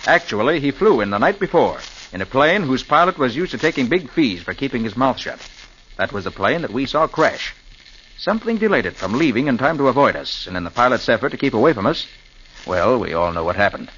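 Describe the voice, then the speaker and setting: Very animated and a bit bright, a mid-range male voice portrays a clever, self-assured detective laying out a case in a brisk, explanatory manner. It comes from a 1940s radio drama, and the recording sounds dull and old, with a faint hiss.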